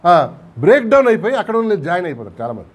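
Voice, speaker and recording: A man's voice: high-pitched, big pitch swings, racing. A man with a Telugu accent preaching a sermon in a church, asking the congregation questions and acting out quotes along the way. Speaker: pastor. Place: church hall.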